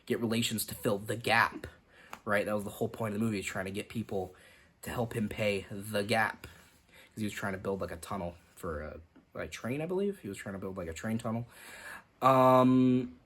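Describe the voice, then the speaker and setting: This young film reviewer speaks at normal speed in a fairly low, husky voice with a bit of brightness. His movie review is loose and rambling, packed with fillers like "like" and frequent restarts.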